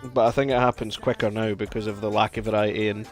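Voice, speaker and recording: A man's voice: fairly low pitch, level tone, quick pace, faint music behind. Chatty man streaming a game. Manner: chatty, rambling, reacts loudly to play. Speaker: gaming streamer. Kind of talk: casual live-stream commentary.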